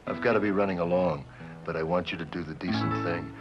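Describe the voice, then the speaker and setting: A man's voice: deep voice, steady tone, quick pace, lightly acted. An actor playing a glib Western con man. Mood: smooth. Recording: dull old film soundtrack with music.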